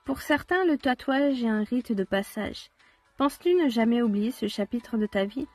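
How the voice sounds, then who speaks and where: A grand, teasing fairy aunt who speaks like a sage, read aloud by a woman. Her voice sits a little high and sounds close and dry. Faint music plays behind her. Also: lively intonation, moderate pace, darkish tone, no echo. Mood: sagely. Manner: lofty, sage-like speech.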